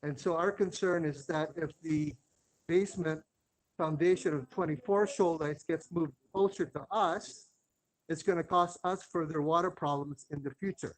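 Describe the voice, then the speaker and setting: A man giving a halting, hesitant public comment at a hearing, heard faintly over a phone on speakerphone. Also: fairly high pitch, fairly even intonation. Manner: hesitant, halting with many fillers and restarts. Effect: heard over a phone line, faint and distant. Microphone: phone on speakerphone, away from the mouth.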